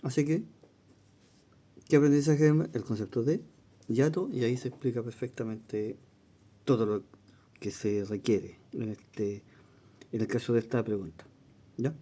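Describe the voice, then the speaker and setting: A man teaching an exam-prep lesson, reading questions aloud and explaining them, often checking in with a quick question. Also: medium pitch, dark tone, slightly rough.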